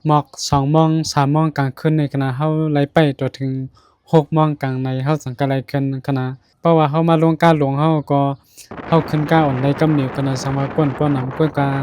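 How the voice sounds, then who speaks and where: A man with a Shan accent narrating his own travel vlog in an even tone. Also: a little high, noisy background. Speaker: vlogger.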